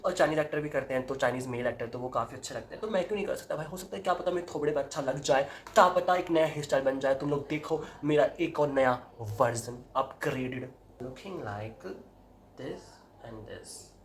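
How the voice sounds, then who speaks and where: Speaking at a moderate pace in a mid-range voice, this young male vlogger films himself cutting his hair at home. He blends Hindi with English, chatting casually and bursting into dramatic yelps and laughs. The audio carries a little hiss or hum and echoes in a roomy indoor space.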